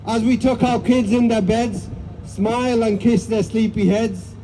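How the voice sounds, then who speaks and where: At an outdoor street protest, a man says a few words to the crowd and then reads a heartfelt poem. His voice is extremely high-pitched yet dark, with a steady tone and measured pace, and his recitation is plain and sincere, sprinkled with fillers. The low-quality recording carries a little hiss or hum.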